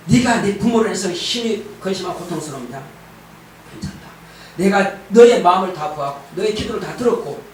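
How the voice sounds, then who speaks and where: A man preaching who voices God as a gentle, loving father speaking soft reassurance. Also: high voice, a little hiss or hum, voice pushed down. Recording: very echoey church hall, distant mic.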